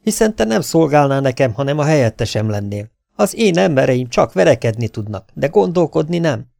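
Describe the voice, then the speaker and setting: Man playing a frontier sheriff, gruff, impatient, dry close sound, audiobook. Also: mid-range voice, big pitch swings, darkish tone, dry recording, pitched above the performer's own voice. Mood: urgent. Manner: grumbling, impatient. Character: gruff middle-aged male sheriff, impatient. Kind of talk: audiobook dialogue.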